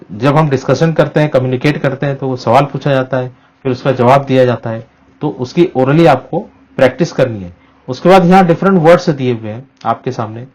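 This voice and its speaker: A middle-aged male teacher talks students through a lesson, mixing English terms into his explanation. He pauses on frequent "uh" fillers and speaks at an average pitch. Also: a little mellow, low-quality recording.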